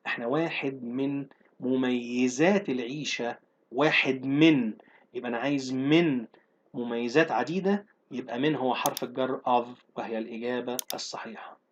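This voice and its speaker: Egyptian teacher drilling English exam questions. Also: male voice, medium pitch, slight background noise. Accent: Egyptian Arabic. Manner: reads English slowly, explains quickly, asks rhetorical questions. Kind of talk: exam practice lesson explaining in Arabic. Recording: dull lo-fi recording.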